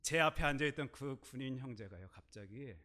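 Man, pastor, sermon, storytelling, bright forceful tone, loud and soft swings. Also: mid-range voice, animated, a little fast. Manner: storytelling with sudden loud emphasis and quiet asides.

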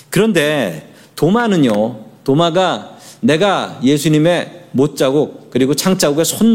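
A man's voice: mid-range voice, darkish tone. A middle-aged man preaching a sermon as pastor, leading the congregation in responses and telling light anecdotes. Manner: leads congregation in responses, tells humorous anecdotes.

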